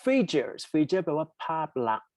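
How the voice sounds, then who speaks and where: A young man with a Thai accent teaching an online English exam-prep lesson. He reads test sentences slowly and explains them quickly, and he asks the students to type their answers in the chat. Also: on the high side, very animated, a little mellow, no echo.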